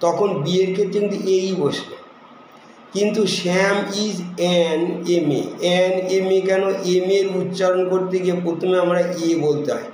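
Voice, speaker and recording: A man teaching an English lesson, walking through the rules one by one with lots of examples and reading each English sample slowly. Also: high voice, steady tone, darkish tone. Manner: explains rules step by step with many examples. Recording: very echoey room with faint noise.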